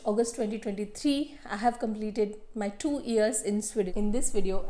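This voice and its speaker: A woman's voice: mid-range voice, dark tone. A woman vlogger talking earnestly to her viewers in a casual, explanatory way, often repeating phrases for emphasis. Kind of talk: casual informative vlog. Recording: echoey room.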